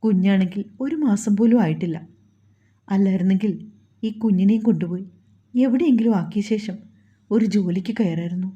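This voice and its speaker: Mellow woman reading a story aloud. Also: medium pitch, a little fast, long pauses, lo-fi sound. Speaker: narrator. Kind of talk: storytelling narration of a novel.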